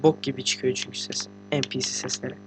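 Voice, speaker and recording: Sick teenage boy, quiet gaming chatter. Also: medium pitch, level tone, fairly quick, faint music behind. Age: teens. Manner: chatty, slangy, joking and swearing. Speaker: gaming channel host. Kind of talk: casual let's-play commentary. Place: room at home with a computer.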